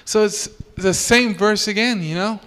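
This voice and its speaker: High-voiced male preacher in a reverberant church. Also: a bit bright, clear, resonant tone. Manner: short phrases with pauses, rhetorical questions. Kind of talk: sermon with consecutive interpretation.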